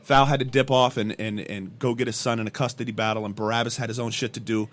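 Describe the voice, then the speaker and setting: A hip-hop artist and event promoter in his thirties chats as a guest on a casual podcast, telling slangy, sweary stories with repeated words. His medium-pitched voice is steady, quick, and fairly bright, recorded close on a studio mic with a pop filter in a small indoor room with clear background room noise.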